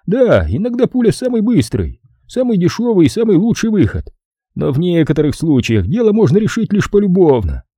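A man's voice: high voice, brisk, husky, dry recording, clean studio sound, pitched above the performer's own voice, full character voice. A man doing a menacing casino boss, raised voice. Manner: calm, menacing and curt. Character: cold domineering male casino boss.

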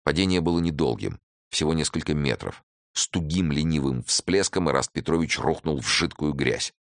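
A male audiobook narrator with an extremely deep, low voice, reading a detective story in a measured, terse and dramatic way. The recording is close and dry, with no room sound. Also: expressive, vocal fry, no echo. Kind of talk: scripted narration of a detective novel.

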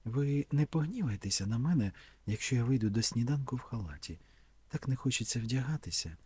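A man's voice: medium pitch, expressive, brisk, dark tone, breathy edge, pitched above the performer's own voice. A man reading a teasing, flirtatious woman. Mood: playful. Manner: coy, teasing, sometimes whispered.

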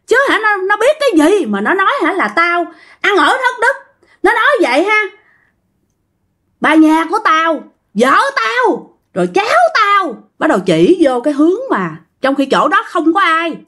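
A bitter old ghost man, played by a woman storyteller, speaking. His voice sits high and swings widely in pitch as he berates in coarse, repetitive bursts. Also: big pitch swings, normal speed, sharp tone, full character voice. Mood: furious. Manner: scolding, coarse, repeats himself. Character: vengeful old male ghost, scolding and bitter.

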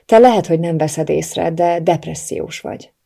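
A woman reading the lines of a young heroine in an audiobook, speaking in a soft, earnest way. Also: sits low, gravelly. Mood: firm. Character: young woman, heartbroken but caring heroine.

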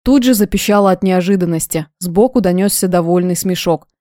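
Woman audiobook narrator, mellow and dry, steady first-person storytelling. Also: fairly low pitch, a little fast, no room sound.

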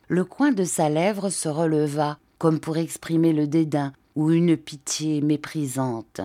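A woman narrating a classic novel as an audiobook, reading in a steady, measured way. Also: sits low, no echo.

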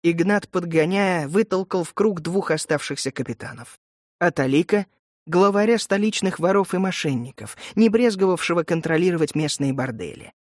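A man narrating an audiobook in an even, measured reading. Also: high-pitched, dry recording, studio quality.

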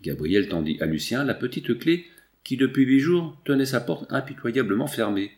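A man narrating a nineteenth-century novel as an audiobook, in a measured, expressive reading. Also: medium pitch.

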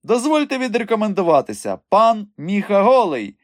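A man voicing a cheeky, smooth-talking young trickster in a raised, lively voice. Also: high-pitched, no echo, studio quality, voice pushed up. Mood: cocky. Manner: raised, cocky, quick-witted.

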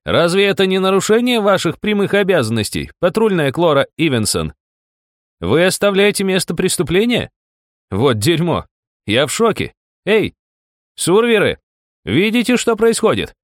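A man voicing a bloodied young man who shouts in reckless, mocking defiance. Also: high voice, big pitch swings, normal speed, no room sound, clean studio sound, pitched above the performer's own voice. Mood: manic shouting.

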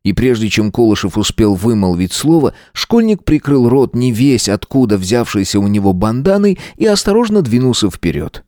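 A man's voice: lowish voice, big pitch swings, moderate pace, hardly any pauses, warm tone, no echo. Man narrating an audiobook, dry sound. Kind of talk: scripted narration.

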